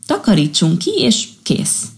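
A woman's voice: mid-range voice, huge pitch swings, darkish tone. A woman voicing an old great-grandmother sea creature who rallies the sea animals in a storybook. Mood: rousing. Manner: rousing, calling to a crowd.

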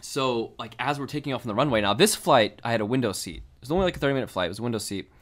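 A young man telling a story in casual chat, animated and swearing, full of fillers. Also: mid-range voice, very fast.

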